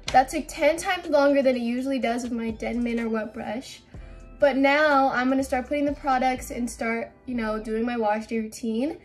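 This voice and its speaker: At home, a young beauty vlogger chats casually into a camera mic in a high voice with a darkish tone. She sounds a little anxious, rambling and restarting her sentences.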